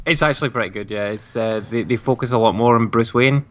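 A man's voice: mid-range voice, quick pace, a bit bright. A man co-hosting a podcast, chatting casually, laughing often and repeating words as he talks. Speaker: podcast co-host.

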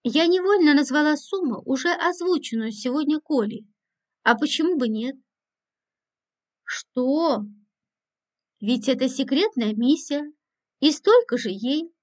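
High-voiced woman narrating an audiobook. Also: animated, a little slow, pauses often. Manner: dry and ironic. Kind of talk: first-person audiobook narration.

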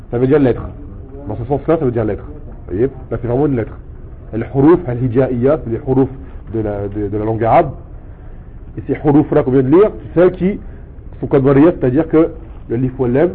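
A man teaching a language lesson, explaining patiently step by step and repeating words slowly for his student. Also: mid-range voice, husky. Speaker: Arabic teacher. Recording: tinny phone-like sound with faint noise.

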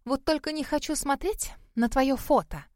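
A woman's voice: moderate pace, dry recording, clean studio sound, natural voice. A woman voicing a furious, spoiled young female student who snaps with contempt. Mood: angry, scornful. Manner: shrill, snapping, contemptuous.

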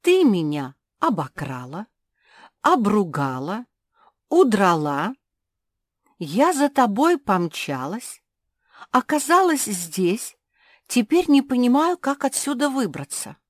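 A woman voicing an indignant young female pug dog in a children's audiobook, speaking in a huffy, sharp way. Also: medium pitch, animated, unhurried, no echo, clean studio sound, natural voice. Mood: resentful.

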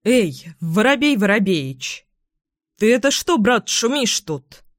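A woman voicing a cheerful male chimney sweep who speaks in a calm, good-natured way in a storybook. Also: mid-range voice, slow pace, no echo, clean studio sound. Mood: calling.

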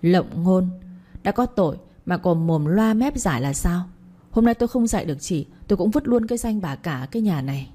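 A woman's voice: lowish voice, expressive, brisk, warm tone. A woman doing a wrathful old matriarch. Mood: scolding. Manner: scolding, commanding. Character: domineering elderly matriarch, harsh and wrathful.

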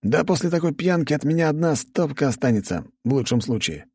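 A man's voice: on the high side, lively intonation, a little fast, a little mellow, slightly rough, no echo, voice pushed up. A male narrator voicing a wry, joking young aristocrat in an audiobook, in a raised register.

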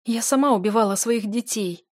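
A woman's voice: medium pitch, flat delivery, moderate pace, no echo, clean studio sound, lightly acted. A woman reading an audiobook and voicing a young wife in grief and anger, raised and anguished. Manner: anguished, shouting. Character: young married woman, grieving and furious.

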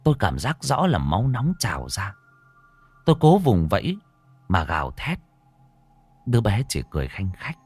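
A man narrating a horror story in a dramatic, expressive way. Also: fairly low pitch, moderate pace, pauses often, breathy edge, no echo, faint music behind.

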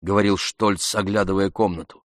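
A man slowly reading a classic novel aloud as narrator, in a measured, even way. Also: low-pitched, no echo, studio quality, close to an everyday voice. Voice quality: slow, measured delivery. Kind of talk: audiobook reading.

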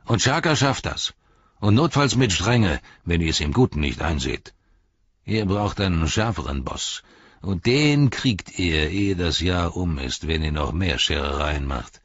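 A man voicing a large brutish human ruffian who mocks and threatens in a husky voice. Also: deep voice, animated, unhurried, fairly bright tone, no echo, lo-fi sound, exaggerated voice. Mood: menacing. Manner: menacing, mocking.

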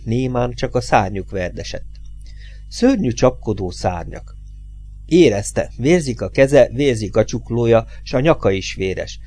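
A man narrating an audiobook in a mid-range voice. His reading is tense and dramatic, and his voice lifts on the key moments. The delivery is steady and suspenseful. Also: medium pitch. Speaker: audiobook reader.

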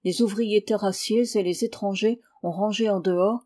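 A woman reading the lines of a plain, dutiful male factory foreman, in a steady voice. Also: medium pitch, normal speed, natural voice.

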